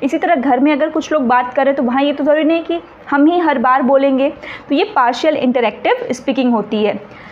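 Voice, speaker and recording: A woman's voice: sits high, brisk, slight background noise. A woman teacher gives an exam-prep lecture. She explains step by step and often checks whether her students follow. The recording is a little dull, with faint room ambience behind her.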